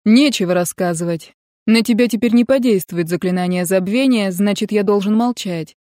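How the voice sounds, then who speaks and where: A woman's voice: mid-range voice, no room sound, studio quality, natural voice. Woman reading as a shaken young mage man. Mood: sullen. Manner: quiet, halting pleas. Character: frightened young male mage, guarded and shaken.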